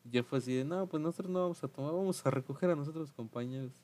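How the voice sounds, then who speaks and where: A man's voice: a little high, fast talker, a little mellow. Young Mexican man, podcast host, casual storyteller who does voices for quotes. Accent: Mexican Spanish. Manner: slangy, laughing, acts out quotes in raised voices.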